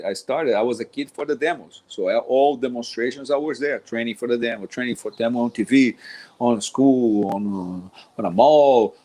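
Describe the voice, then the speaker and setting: A middle-aged Brazilian man with a medium-pitched, darkish voice and a Brazilian Portuguese accent discusses teaching jiu-jitsu, which he instructs. His casual talk rambles, with frequent restarts and lots of "man."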